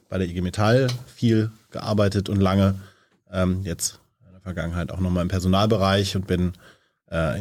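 A young man from Bavaria, a member of parliament, answering interview questions in a measured way with many filler pauses. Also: low-pitched, a little mellow. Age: young adult.

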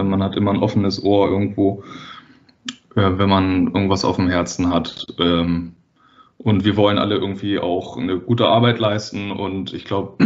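A freight dispatcher in his thirties from the Hamburg area of Germany answers interview questions casually. He hesitates, uses many fillers, and laughs easily. His voice is low-pitched, and the recording has the highs cut off.

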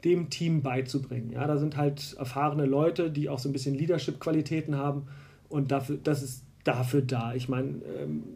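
Gravelly, dark-voiced man explaining at length. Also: mid-range voice, steady tone, normal speed. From Berlin. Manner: explains at length, many fillers and restarts. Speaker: basketball referee, guest. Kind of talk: casual conversation.

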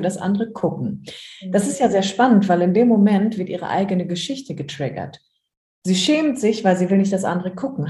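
A woman's voice: mid-range voice, dark tone. Woman coach talking through feelings in a podcast chat, asks lots of questions, bit of room echo. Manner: reflective, uses everyday examples and rhetorical questions. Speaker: interview guest, emotions coach. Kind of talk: podcast interview, explaining.

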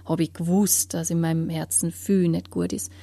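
A woman giving an earnest personal testimony in an interview, often sinking into a hushed whisper as she searches for words. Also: lowish voice, little pitch movement, normal speed, creaky.

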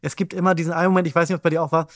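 A man co-hosting a podcast in casual chat, chatty, with quick reactions. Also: on the high side, flat delivery, dry recording, studio quality. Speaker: podcast co-host.

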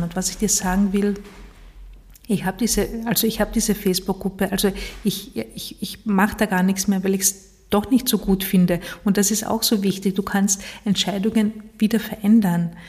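A woman giving a motivational monologue on personal change, talking straight to the listener in a reflective way with frequent pauses. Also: medium pitch, level tone, a little mellow.

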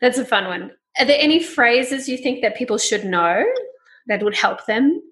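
A woman's voice: fairly high pitch, lively intonation, moderate pace, fairly bright tone. A young woman hosting a podcast in casual chat, chatty and laughing often as she mimics phrases. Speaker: podcast host.

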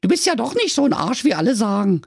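Man putting on a squeaky brash girl. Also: big pitch swings, fast, creaky, husky, no room sound, studio quality, heavily acted. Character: cheeky Berlin girl, young, brash and blunt.

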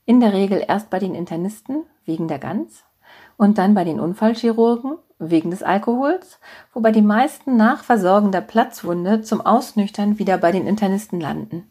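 A woman reading a first-person short story aloud in a calm, even storytelling manner. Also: medium pitch, normal speed.

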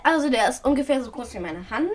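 A woman's voice: high-pitched, animated, fast talker, far from the mic. A young girl chatting at home with her mother on a family podcast, eager and insistent about telling her story. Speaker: daughter. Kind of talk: casual family chat.

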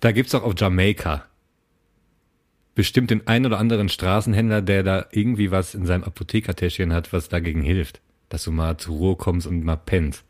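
A man's voice: sits low, steady tone, fairly quick, darkish tone. A man co-hosting a casual podcast, joking and teasing and asking his partner questions. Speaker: podcast co-host.

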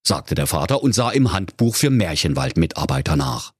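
A man's voice: low voice, big pitch swings, normal speed, slightly rough, no echo, studio quality. A man narrating a comic fairy-tale parody in a mock-solemn storytelling manner.

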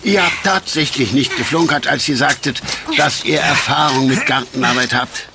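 An actor playing a strict, bossy man who guards his garden, with a gruff kindness underneath, in a children's audio drama. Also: mid-range voice, moderate pace, loud music behind the voice, lightly acted. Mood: kindly. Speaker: stern garden owner neighbor.

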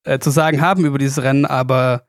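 A male podcast host explaining a game and firing off quick either-or questions in a brisk, upbeat way, with many fillers. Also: medium pitch, fairly even intonation, no echo, clean studio sound. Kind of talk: quick-fire question game and sports chat.

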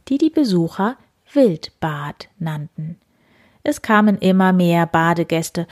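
A woman's voice: fairly low pitch, a little mellow. A woman hosting her own show, reading a children's story aloud in a chatty storytelling manner. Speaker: storyteller host.

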